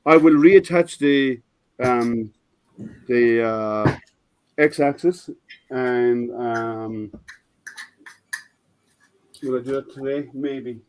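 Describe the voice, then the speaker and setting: An older man hosts a casual live stream, explaining his printer with many restarts and fillers. His mid-range voice is a little scratchy, very slow, and full of pauses. The tone is clean with no echo.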